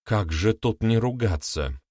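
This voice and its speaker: Older woman voiced by a man, quarrelsome, complaining, lively, dry close sound. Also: lowish voice, measured pace, dry recording. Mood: indignant. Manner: indignant, complaining. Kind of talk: audiobook character voice.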